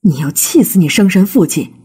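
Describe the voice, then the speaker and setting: A woman's voice: fairly low pitch, lively intonation, brisk, mellow, breathy edge. A woman voicing a stern, angry old rich father who scolds harshly, in a storybook reading.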